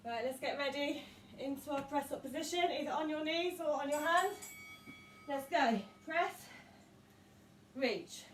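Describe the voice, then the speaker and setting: A woman's voice: sits high, measured pace, long pauses, distant mic, slight background noise. A woman coaching a home workout, encouraging and counting down the seconds, out of breath. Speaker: fitness coach. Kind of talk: workout instruction. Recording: roomy sound from away from the mic.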